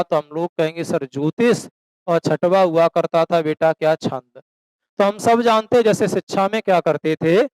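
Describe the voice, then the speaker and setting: A man's voice: high-pitched, darkish tone, smooth, no room sound, low-quality recording. A man teaching a classroom lecture, asking questions and answering them himself, addressing students as beta and slipping into rural dialect for examples. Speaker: coaching teacher.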